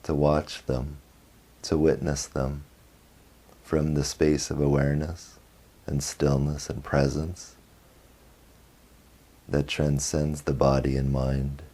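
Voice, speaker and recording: A meditation teacher, a man, leads a guided meditation in a very deep, mellow voice. His speech is slow and flat with hardly any rise or fall, delivered in short phrases separated by long pauses.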